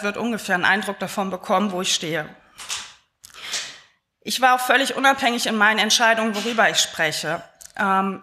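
Chatty woman with a fairly high voice. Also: pushed and bright. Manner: chatty with frequent filler sounds. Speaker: conference speaker. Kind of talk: live talk, conversational.

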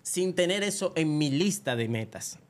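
Young dominican guy, comedian, slightly high voice, can't say his r's, acts out every story. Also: normal speed, slight background noise. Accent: Dominican Spanish. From Dominican Republic. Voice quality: does not pronounce the R. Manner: animated storyteller who acts out quoted voices. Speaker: comedian guest. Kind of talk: casual podcast chat.

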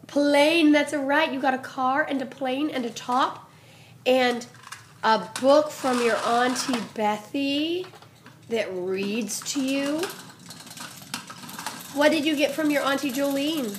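A young mother speaks in a high, light voice, asking her small child one simple question after another. Her tone is patient and coaxing. It sounds like a casual home video. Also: slow pace, background noise. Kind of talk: home video, talking to a toddler.

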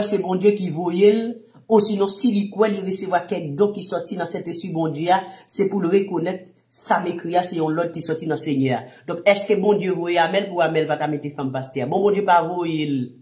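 A man with a Haitian accent, a minister teaching in an impassioned sermon, firing rhetorical questions and swinging from low murmurs to shouts. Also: moderate pace, echoey room.

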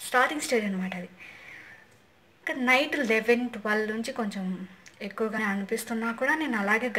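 Young female vlogger, casual storyteller, slightly high pitch, faint background hiss. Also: a bit bright. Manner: chatty, repeats and restarts phrases.

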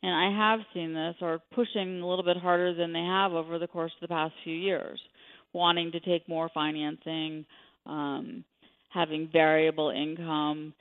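A woman with a low voice, little pitch movement and normal speed comments on the economy as an expert guest in a radio interview. She's on a telephone, so the sound is a narrow, tinny phone line.

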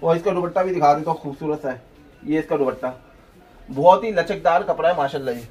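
A man, a clothing shop owner giving an energetic, hard-selling pitch in his small shop. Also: fast talker, slightly rough. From Pakistan. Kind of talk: sales pitch vlog.

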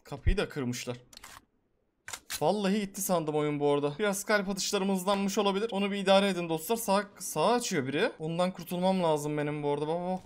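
A man giving live, excitable gameplay commentary as a gaming YouTuber, swearing and talking to his viewers. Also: sits high, brisk, noisy background.

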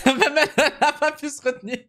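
A man casually commenting on emergency-call clips, joking and slangy. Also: very high voice. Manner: joking, slangy, laughs often. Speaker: streamer reacting to emergency calls.

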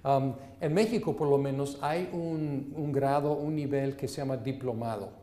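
A man teaching a seminary class, speaking in a measured way with many fillers. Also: mid-range voice, dark tone, echoey room. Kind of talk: leading a class and prayer.

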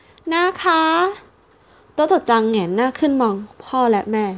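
A woman narrating a storybook in a steady, careful read-aloud manner. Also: on the high side, a little fast. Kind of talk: storybook reading.

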